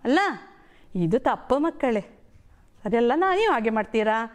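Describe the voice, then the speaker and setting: A woman's voice: on the high side, big pitch swings, moderate pace. A middle-aged woman teaching a primary school lesson on television, asking the children questions and explaining words in a sing-song storytelling way.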